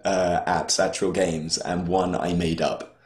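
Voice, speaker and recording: A man's voice: sits low, flat delivery, slow. A man co-hosting a casual podcast chat, rambling and hesitant, often restarting his sentences. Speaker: podcast co-host. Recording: roomy echo.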